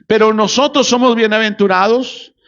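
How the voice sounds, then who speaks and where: A man's voice: high-pitched, fairly even intonation, normal speed, gravelly, fairly bright tone, highs cut off. A man preaching a sermon as pastor, posing rhetorical questions and answering them himself, and calling on the congregation for amens.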